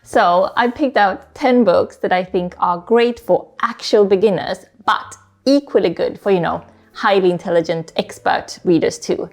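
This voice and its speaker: A book YouTuber whose first language is Swedish hosts a casual recommendation talk to camera in a mid-range voice at a measured pace. She's chatty and informal, often slipping "like" into her asides.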